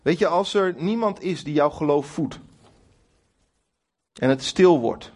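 A man's voice: on the high side, measured pace. A middle-aged man preaching a sermon to a congregation, speaking emphatically and addressing listeners directly with some humour. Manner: lively, emphatic preaching with acted quotes to God. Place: church hall before a congregation.

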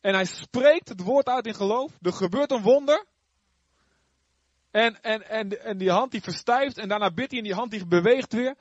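Guy preaching casually, high voice, dry and a bit muffled. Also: normal speed, dry recording. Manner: animated, acts out the characters' lines. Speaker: youth preacher. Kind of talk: casual Bible teaching.

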